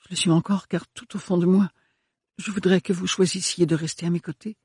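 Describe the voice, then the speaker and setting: A man's voice: high voice, fairly even intonation, a little fast, darkish tone, breathy edge, no echo, studio quality, pitched above the performer's own voice, exaggerated voice. A man doing a murmuring timid young woman. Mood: contrite. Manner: murmured, hesitant. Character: timid young woman, soft-spoken, earnest.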